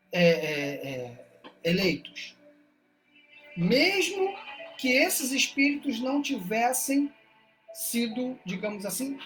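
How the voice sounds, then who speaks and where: Brazilian woman lecturing online, pitch rising and falling a lot, slightly high voice, faint music underneath. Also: fairly bright tone. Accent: Brazilian Portuguese. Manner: asks rhetorical questions, frequent "né?". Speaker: speaker at a spiritist study group. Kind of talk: explanatory talk on a religious text. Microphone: online livestream.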